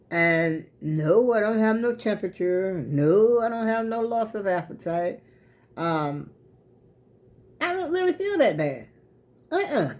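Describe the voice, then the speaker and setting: A woman's voice: on the high side, darkish tone. An American woman with plugged-up sinuses, chatting casually to her viewers in a folksy, rambling way. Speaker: vlogger. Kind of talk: casual chat vlog to viewers.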